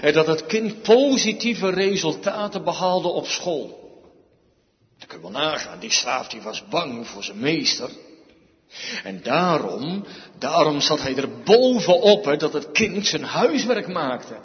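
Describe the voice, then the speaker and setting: A male preacher giving an emphatic sermon, with dramatic pauses and repeated phrases. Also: fairly high pitch, lively intonation. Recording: dull sound, echoey hall.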